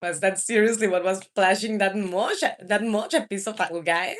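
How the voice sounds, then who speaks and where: A woman in her thirties hosts a video game livestream, chatting casually with viewers at normal speed in a medium-pitched voice. She is Mexican, a native Spanish speaker with a Mexican accent.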